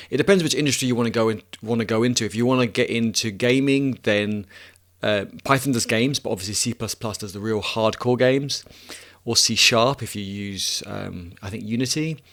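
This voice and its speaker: A man in his thirties chats casually on a live stream, reading chat questions and working through answers out loud. His voice sits a little low, and he often restarts his sentences and laughs at himself. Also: fairly quick, gravelly. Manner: relaxed, thinking aloud with many restarts, laughs at himself.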